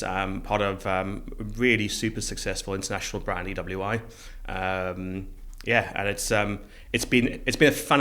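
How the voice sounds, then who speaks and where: A middle-aged South African man, co-founder of a recruitment business, talks conversationally as a guest on a podcast interview. His voice is fairly low in pitch, with a bright, forceful tone.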